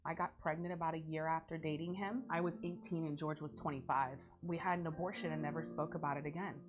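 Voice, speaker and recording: A woman's voice: sits low, steady tone, fast talker. A woman in her thirties giving a plain, matter-of-fact personal testimony, heard with a dull sound and music behind. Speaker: testimony speaker.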